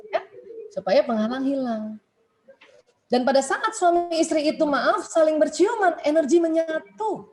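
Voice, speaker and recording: A woman giving a casual religious study talk to married women, chatty and animated with laughing asides. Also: high voice, rough recording.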